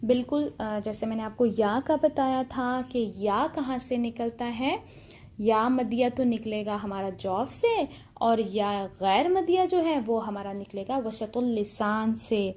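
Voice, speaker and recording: A woman with a somewhat high voice gives a recitation lesson. She explains step by step in a calm, patient way and repeats the main points for her students. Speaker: Quran recitation teacher. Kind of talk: online tajweed lesson.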